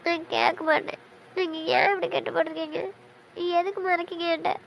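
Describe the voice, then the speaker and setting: A woman's voice: sits high, fast, creaky, slight background noise, low-quality recording. An actress playing a young wife who pleads emotionally and insistently with her injured husband in an audio drama. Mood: panicked, tearful.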